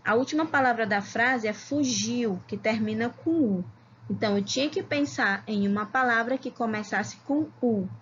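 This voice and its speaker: Woman teacher sounding out words slowly. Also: fairly high pitch, lo-fi sound, a little hiss or hum. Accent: Brazilian Portuguese, Ceará. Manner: slow, syllable-by-syllable reading, calls herself "tia". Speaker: primary school teacher. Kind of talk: recorded video lesson for young children.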